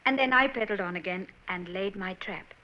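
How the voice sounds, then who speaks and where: Once more the old radio drama features an actress as an earnest young Victorian woman, worried, hesitant and genteel, in 1940s style over a dull broadcast. Her voice is medium in pitch and natural, a little fast, with a pushed, bright quality.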